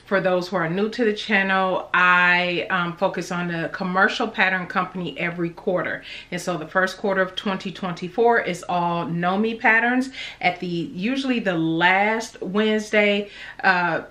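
Middle aged lady vlogger chatting away, bright crisp-edged voice, mouth kinda numb n swollen from the dentist. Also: fairly low pitch, moderate pace. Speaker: sewing channel host. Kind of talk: casual chatty vlog to camera. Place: small indoor room at home.

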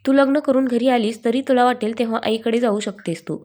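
A woman's voice: a little high, steady tone, a little fast, darkish tone, close to an everyday voice. A woman voicing a confident, teasing young male police officer in a storybook reading. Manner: teasing, playful.

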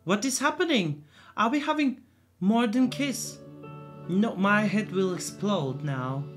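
Slow-spoken woman reacting to a show. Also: mid-range voice, animated, soft background music. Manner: thinks aloud in short bursts, repeats words. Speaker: reaction video host. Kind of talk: casual reaction commentary.

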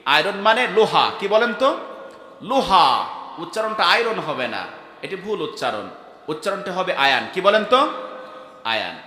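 A man's voice: sits high, very animated, normal speed, long pauses. Fiery male preacher in an echoey hall. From Bangladesh. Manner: call-and-response, prompting the crowd to answer back; swings from soft phrases to shouted peaks. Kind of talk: fiery Islamic sermon at a gathering. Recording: echoey hall over a PA system.

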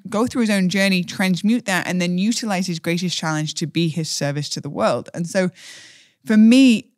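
A woman's voice: lowish voice, no room sound, studio quality. A woman hosting a podcast, speaking in an earnest, flowing way with spiritual wording and bits of casual slang. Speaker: podcast host. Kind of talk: heartfelt spiritual podcast introduction and chat.

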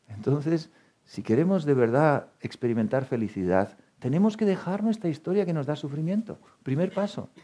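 A man giving a spiritual talk to an audience, telling lively stories, acting out quoted dialogue and laughing often. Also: on the high side, unhurried, pauses often, slightly rough. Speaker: speaker at a meditation talk.

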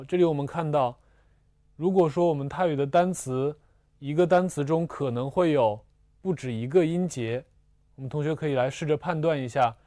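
A man teaching a language lesson, slowly explaining spelling and pronunciation with patient repetition and small fillers. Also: fairly high pitch, mellow, dry recording, studio quality. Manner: slow and patient, repeats syllables twice, fillers like "啊" and "呃". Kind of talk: slow, deliberate classroom explanation.

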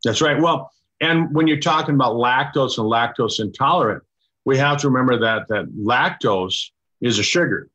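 An older man, a doctor, explaining a product in casual chat over a video call, halting with many restarts and fillers. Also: mid-range voice, animated, sharp tone. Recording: dull lo-fi video call audio.

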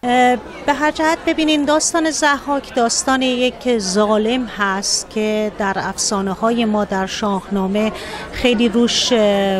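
A middle-aged woman with an Iranian Persian accent answers an interviewer into a handheld microphone. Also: on the high side. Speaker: storyteller being interviewed. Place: indoor venue lobby. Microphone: handheld reporter microphone. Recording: busy crowd murmur behind.

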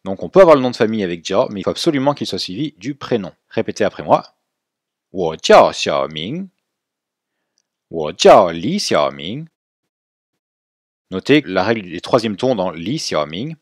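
A man with a fairly low voice leads a spoken language lesson, his pitch swinging widely as he explains. He slows down sharply to model words for the listener to repeat. The recording is dry and close. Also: animated, no echo. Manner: clear didactic explaining, slow drawn-out model pronunciations for repetition. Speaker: Chinese language teacher.

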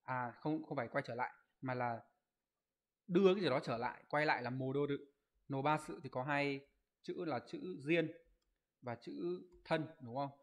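A man leads an online Japanese exam review, explaining each answer step by step. He keeps checking in with his students through rhetorical questions. His voice sits at a middle pitch, and he rattles off the viewers' answers in quick lists. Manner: reads out viewers' comment answers in a quick list. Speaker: Japanese language teacher.

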